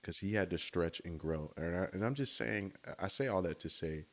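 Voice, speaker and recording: A man with a notably low, deep voice gives an eager, easygoing faith talk. He speaks outdoors in a chatty tone and keeps checking in with his listeners. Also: moderate pace, fairly bright tone. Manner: enthusiastic, conversational, often says "right?" and "y'all". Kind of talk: casual devotional talk.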